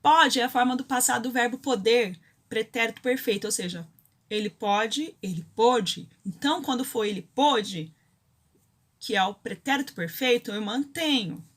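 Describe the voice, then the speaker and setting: A woman's voice: on the high side, normal speed, fairly bright tone. A Brazilian woman teaching a grammar lesson, explaining rules step by step and often checking in with her students. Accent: Brazilian Portuguese.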